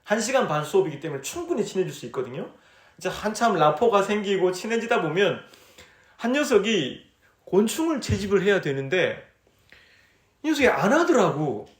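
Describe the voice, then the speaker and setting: A man's voice: high-pitched, echoey room. A man preaching at a church retreat in a conversational way, asking the audience questions and acting out his own dialogue as he tells stories. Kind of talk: sermon.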